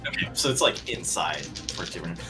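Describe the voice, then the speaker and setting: A man's voice: low-pitched, lively intonation, a little fast, music in the background. A man chatting casually as a player at a tabletop role-playing game.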